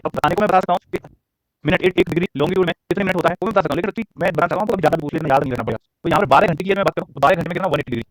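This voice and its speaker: In a dry, low-quality recording, a man with a slightly high voice teaches geography. He keeps asking his listeners questions, repeats each answer so they can take notes, and stretches out English question phrases.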